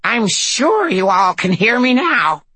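A man voicing a malevolent young woman speaking over a mall PA system, with a dry, rasping voice. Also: high-pitched, sing-song, takes it slowly, pushed and bright, voice pushed up, exaggerated voice. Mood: gloating. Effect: echoing public address speakers.

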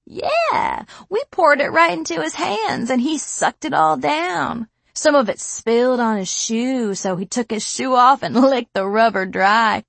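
A woman voicing a mocking, predatory bald male thug who drawls his taunts and drops to a menacing hush. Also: high-pitched, expressive, measured pace, vocal fry, husky, no room sound, pitched above the performer's own voice, exaggerated voice.

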